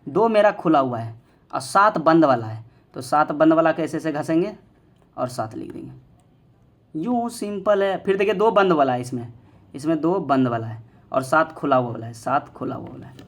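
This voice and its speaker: Man, higher voice; playful teasing math teacher who drills by repetition. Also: lively intonation, moderate pace. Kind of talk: online classroom lesson.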